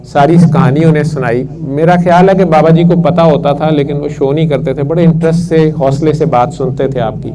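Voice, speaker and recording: A man earnestly recounting a personal spiritual story at a prayer session, unhurried and reflective. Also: on the high side, steady tone, mellow, poor audio. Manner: unhurried and earnest, recites verses slowly.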